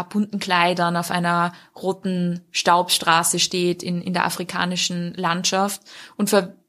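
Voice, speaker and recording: A woman's voice: mid-range voice, fairly bright tone. A woman discussing a book in a conversational review, fluent and explanatory, with occasional fillers.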